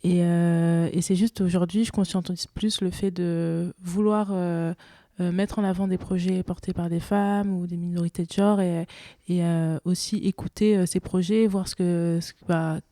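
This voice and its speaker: A woman's voice: on the low side, steady tone, moderate pace, warm tone, dry recording. A young woman, a singer and guitarist, chatting in an interview, hesitant with many fillers and restarts. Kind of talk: casual interview chat.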